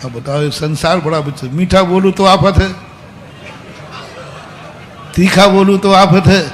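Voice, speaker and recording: A man with a high voice delivers a sermon, moving between hushed, confiding asides and loud, emphatic bursts as he tells a story. His voice carries a long reverb from a large hall, with a faint hum underneath. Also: fairly even intonation, unhurried, a faint crowd. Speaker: Jain monk giving a discourse.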